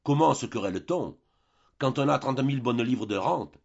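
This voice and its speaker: A man voicing a calm, mocking middle-aged male convict in an audiobook, with a cool, sardonic delivery. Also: mid-range voice, normal speed, creaky, husky, highs cut off.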